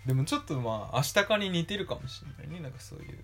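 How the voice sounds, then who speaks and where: A man's voice: fairly high pitch, animated, rapid-fire, fairly bright tone, faint music behind. A man co-hosting a podcast in casual chat, playful and now and then slipping into Kansai-style phrasing. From Hokkaido. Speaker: podcast co-host.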